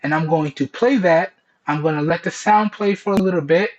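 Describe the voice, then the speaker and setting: A man's voice: fairly high pitch, fairly quick. A man presenting a casual, colloquial product test to camera, often checking in with listeners, heard through Bluetooth earbud microphones. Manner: colloquial, repeatedly checks in with "okay" and "all right". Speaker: tech reviewer, video host. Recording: dull Bluetooth earbud headset mic.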